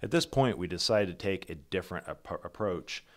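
A middle-aged company founder delivers a prepared keynote over slides in a deep voice at a moderate pace. He is steady, methodical and businesslike, though he occasionally slips and restarts.

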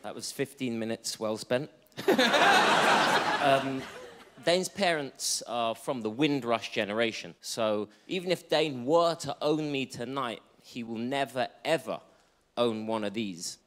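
A man's voice: mid-range voice, a little slow. A man trading cheeky, self-deprecating roast jokes on stage before a live audience. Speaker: roast battle comedian. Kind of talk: stand-up roast insults. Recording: loud crowd and noise.

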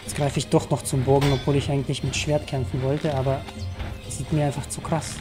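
A man commenting live on his video game, chatty and excitable, often exclaiming. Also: medium pitch, a little fast. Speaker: let's play gamer. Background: game music.

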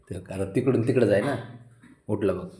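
A man's voice: lowish voice, dark tone. Guy sweet-talking his sulky pet at home, lots of coaxing, echoey room. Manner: coaxing, doting baby talk to a pet. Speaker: pet owner. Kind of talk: casual home video.

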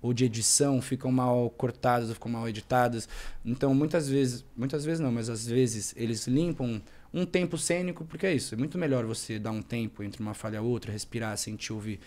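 A young man and actor, chatting casually as a podcast guest in a slangy, rambling, animated way. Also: mid-range voice, brisk.

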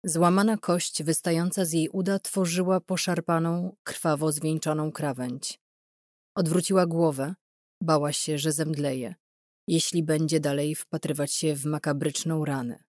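A woman reading a wartime novel as an audiobook narrator, in a calm, measured, dramatic way. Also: low-pitched, no room sound, clean studio sound.

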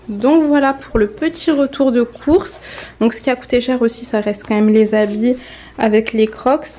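Young woman from France, casual haul vlog, slightly high voice, chatty, faint room hiss. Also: warm tone. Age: 20s. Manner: chatty, addresses viewers directly. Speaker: vlogger. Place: indoor home room, off camera.

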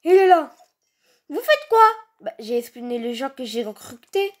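Voicing characters for a gaming video, a woman with a youthful, high-sitting voice gets very animated at a normal speed. Her role-play over game footage is improvised, slangy, and full of exclamations, captured by a phone held up to the screen.

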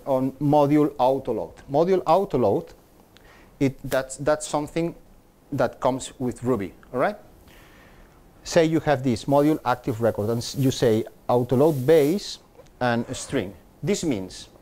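With a medium pitch and a bit of mellowness, a middle-aged man speaks to a meetup audience about a technical topic. The conference speaker often repeats himself and restarts lines, in a meetup room fitted with a projector screen.

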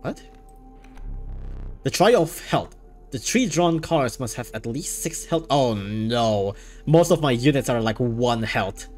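A man playing a video game, reading its text aloud and reacting excitably as he plays. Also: mid-range voice, a little slow, hardly any pauses, faint music behind. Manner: excitable, bursts into laughter and exclamations. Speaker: gaming YouTuber.

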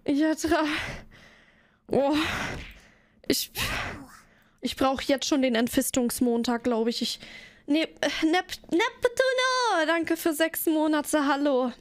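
A young woman streams live and chats casually, flustered and giggly as she thanks her viewers. Her voice is high. She speaks at a slow, drawn-out pace. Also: no room sound.

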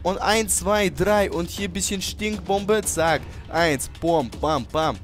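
A young man giving excited gameplay commentary, swinging from low mumbling to sudden shouts. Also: slow pace. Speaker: gaming streamer. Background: game music.

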